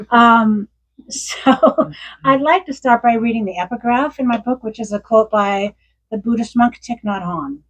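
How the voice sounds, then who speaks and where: The sixty-something memoirist keeps a measured pace in a fairly high voice, sharing stories and readings at a bookstore event. She's warm and laughs a lot. The recording is rough.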